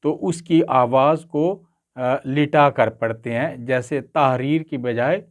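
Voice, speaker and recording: A man teaching Urdu pronunciation, carefully drawing out each word with frequent pauses. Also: mid-range voice. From Pakistan. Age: older. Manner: careful, drawn-out enunciation with frequent hesitation sounds. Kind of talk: slow, deliberate pronunciation lesson.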